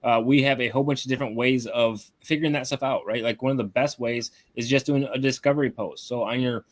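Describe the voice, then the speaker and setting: A man of ordinary pitch coaches an online group over a video call. He talks in a loose, casual way and keeps checking in with his listeners as he explains each step. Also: fairly even intonation, fast. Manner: casual, tags lines with "right?". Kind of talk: live webinar teaching.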